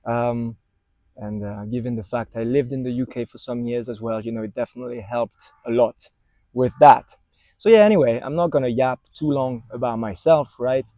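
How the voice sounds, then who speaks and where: In a city park, a French-accented man from France in his twenties talks casually to camera as a vlogger, hesitating and restarting with plenty of fillers. His voice is medium-pitched, steady and dark, at a moderate pace. The wireless clip-on mic into his phone gives a muffled recording without echo.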